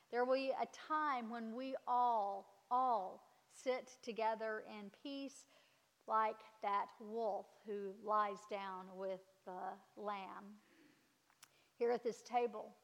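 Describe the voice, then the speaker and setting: A woman pastor leading communion, speaking in a measured, solemn way with slowed emphatic phrases, her voice ringing with a long cathedral-like echo. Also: a little high. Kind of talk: sermon and liturgical prayer. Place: large church sanctuary.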